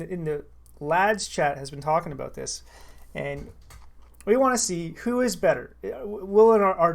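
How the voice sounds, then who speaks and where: A man's voice: high-pitched, gravelly. A man hosting a casual live-stream show, loose and joking, swearing freely.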